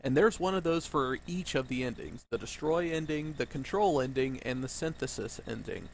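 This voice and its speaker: A man's voice: mid-range voice, normal speed, gravelly, slight background noise, rough recording. A man hosting a gaming video, commenting casually in an informal, sweary way.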